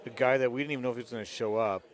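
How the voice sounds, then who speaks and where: A man's voice: medium pitch, fairly even intonation, racing, a faint crowd. A man giving casual live golf commentary, talking conversationally through a tournament shot by shot.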